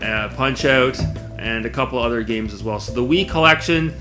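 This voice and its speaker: A man's voice: medium pitch, moderate pace, music in the background. A man talking casually to camera as a video blogger, in a conversational, rambling way. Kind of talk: casual spoken vlog to camera.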